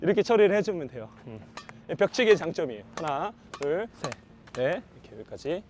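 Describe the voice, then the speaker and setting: Guy coaching badminton drills, counts his shots as he goes, pretty high voice, some faint traffic outside. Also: big pitch swings, a little fast, a little mellow. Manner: counts strokes aloud while hitting against a wall. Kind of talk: instructional demo while practicing.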